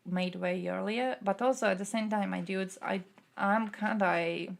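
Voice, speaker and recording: A young woman from Croatia chats on a stream, answering viewers' questions on politics. She thinks aloud with plenty of ums, and her mid-pitched voice has a gravelly edge. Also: fairly even intonation, normal speed. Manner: thinking aloud with fillers, reads chat questions out. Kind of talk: casual political chat.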